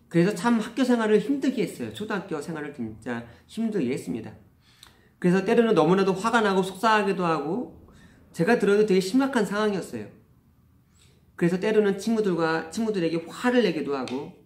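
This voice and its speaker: A man's voice: fairly high pitch, darkish tone. A middle-aged man, a father and parenting host, earnestly telling a personal story about his child. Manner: earnest, confessional. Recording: roomy echo.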